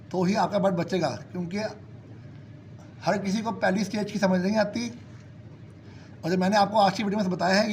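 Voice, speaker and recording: A man with a sore throat, hosting a bird-keeping channel, calmly explains medicine doses to viewers he calls friends. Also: high voice, slight background noise. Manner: steady, repetitive explaining, addresses viewers as friends. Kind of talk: casual advice talk to viewers.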